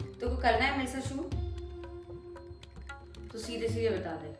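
Lively high-voiced woman vlogger. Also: moderate pace. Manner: animated, exasperated bickering. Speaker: vlog host. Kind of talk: casual home vlog chat. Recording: roomy echo, distant from mic, faint music.

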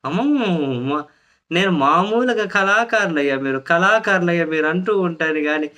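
A man's voice: high voice, moderate pace, pushed and bright. A man delivering a sarcastic, mocking political commentary monologue.

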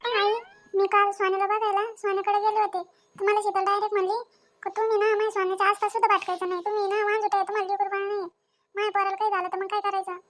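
A woman's voice: extremely high pitch, level tone, very fast. A woman doing a fretful childless young wife. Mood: apologetic. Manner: fretful, mutters to herself. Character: anxious childless young wife, worried and put-upon. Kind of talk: family drama voice acting.

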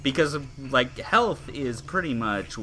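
A man's voice: mid-range voice, lively intonation, slow, noisy background. Laid-back male let's play commentator. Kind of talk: casual gaming commentary. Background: game music.

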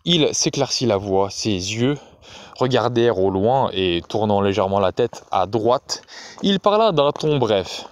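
A man reading a novel aloud in a measured, expressive way. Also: fairly low pitch, no echo. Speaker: audiobook reader.

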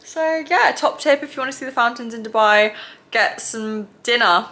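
A woman's voice: on the high side, moderate pace, sharp tone. A young woman in her twenties telling holiday stories in a chatty, giggly way for her travel vlog. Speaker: vlogger. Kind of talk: casual travel vlog chat.

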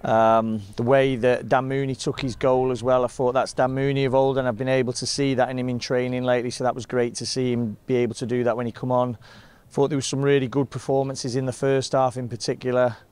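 Man, 40s, football manager, post-match interview, flat steady tone, smooth clear voice. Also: medium pitch. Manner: measured, frustrated, plain-spoken. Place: outdoors in front of a sponsor board.

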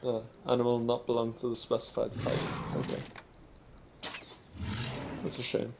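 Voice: medium pitch, monotone, gravelly, very noisy. A player in a multiplayer game session, joking with the group while acting as bait. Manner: slow, joking, quotes memes. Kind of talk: casual multiplayer gameplay chat.

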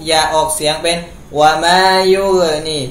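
In an echoey home room with faint noise, a man teaches Quran recitation in a level tone at normal speed. His voice is on the high side and a bit bright. He recites a phrase, then patiently explains its pronunciation rules as the lesson moves step by step.

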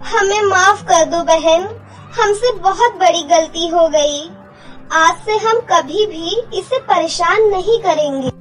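A woman's voice: very high-pitched, slow, fairly bright tone, soft background music, heavily acted, poor audio. A woman voicing a cruel, bossy stepmother in a cartoon story. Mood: pleading. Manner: threatening, later pleading.

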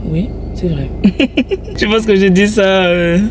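A woman's voice: medium pitch, lively intonation, slow, background noise. A woman from French Guiana, vlogging, chatting casually in a rambling, playful way. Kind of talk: casual chat with a friend and the camera.

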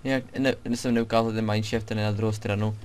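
Young male let's play host with a lowish voice, easygoing gameplay chatter with asides to himself and the audience, faint noise behind. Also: level tone, a little mellow. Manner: chatty, talks to himself and viewers while playing. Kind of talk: casual gameplay commentary.

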